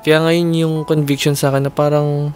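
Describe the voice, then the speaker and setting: Earnest young man telling a heartfelt story. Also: on the high side. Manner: earnest, animated, speeds up and slows down with emotion. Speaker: content creator and singer hosting video-chat serenades. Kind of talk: casual heartfelt storytelling in Taglish. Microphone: streaming to a video chat. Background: music.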